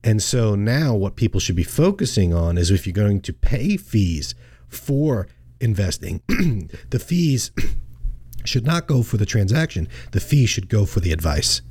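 Relaxed middle-aged man, low and warm. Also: measured pace, husky, no echo. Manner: relaxed, chatty, restarts and laughs often. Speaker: financial advisor and show host. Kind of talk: casual radio show chat.

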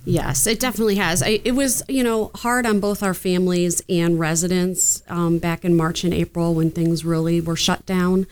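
A woman's voice: fairly low pitch, steady tone, normal speed, few pauses, a little mellow, smooth. A woman working in healthcare, answering as an interview guest in a conversational style.

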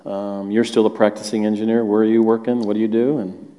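A man's voice: on the low side, little pitch movement, fairly quick, dark tone. A man hosting a church stage interview, friendly and joking as he questions his guests. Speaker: host and church elder. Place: church auditorium. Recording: reverberant hall.

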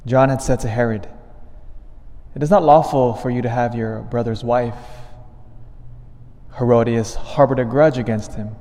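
Here a man's steady, warm, mid-range voice fills a big church as he reads the Gospel and gives the homily at Mass. The cathedral's long reverb trails behind him. His delivery goes from measured reading to forceful, rising emphasis.

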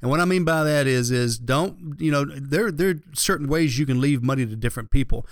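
A man's voice: mid-range voice, fairly quick, dry recording, studio quality. A man hosting a radio show, giving conversational, folksy advice as a financial planner.

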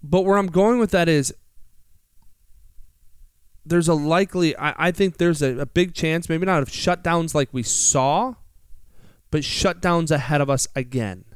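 A man's voice: fairly high pitch, measured pace, long pauses, clear, resonant tone, dry recording, clean studio sound. An American man hosting a financial talk show, explaining conversationally with rhetorical questions and emphatic repetition. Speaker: financial radio show host.

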